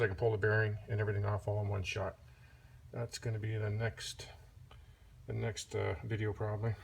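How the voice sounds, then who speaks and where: A man's voice: lowish voice, gravelly. A man doing a casual workshop how-to, easygoing and thinking aloud with fillers, recorded on a propped-up phone in a home workshop. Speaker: hobbyist motorcycle restorer. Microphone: phone propped in a holder.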